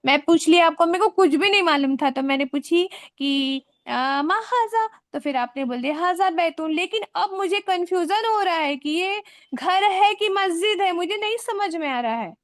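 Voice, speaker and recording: Patient classroom teacher, woman, Indian Hindi-Urdu accent, high pitch, dry recording. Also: animated, moderate pace, no echo. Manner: patient, repeats questions to students. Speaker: Arabic teacher. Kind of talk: classroom lesson. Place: classroom with students.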